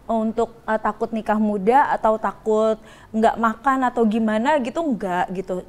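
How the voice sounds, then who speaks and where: A woman's voice: fairly high pitch, moderate pace. A woman guest in a casual interview, speaking earnestly and hesitantly with many fillers.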